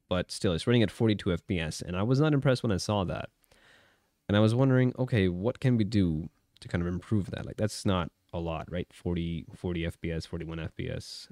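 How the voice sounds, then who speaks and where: Low-voiced man. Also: a little mellow, no echo, clean studio sound. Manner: conversational, talks through tests with frequent check-in questions. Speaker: tech reviewer. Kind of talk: casual hands-on gaming handheld commentary.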